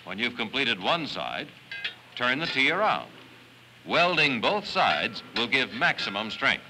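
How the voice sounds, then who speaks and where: A man giving steady step-by-step directions as the scripted narrator of an educational film. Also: mid-range voice, measured pace. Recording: noisy old film soundtrack.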